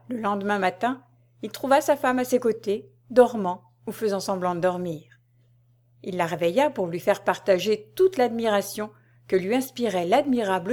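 A woman's voice: medium pitch, darkish tone. Woman reading a historical tale. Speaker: reader. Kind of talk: audiobook narration of a historical tale.

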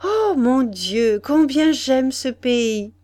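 A woman reader puts on a young noblewoman full of new life, her voice rising high and carrying. She exclaims in delight, lingering over each phrase in an audiobook reading. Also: slow pace, a little mellow. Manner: rapturous exclamations. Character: young noblewoman, lively, enchanted, newly healthy.

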